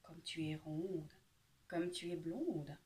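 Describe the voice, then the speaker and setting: A woman's voice: low voice, steady tone, pitched below the performer's own voice. Woman doing a sly whispering fox. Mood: sly coaxing. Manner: slow, hushed, coaxing. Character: sly male fox, feigning old and deaf.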